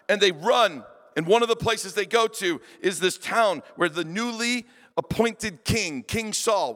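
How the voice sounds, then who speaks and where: A man preaching a sermon, retelling a story in an animated, vivid way. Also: sits high. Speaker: pastor. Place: church hall. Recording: long reverb of a large hall.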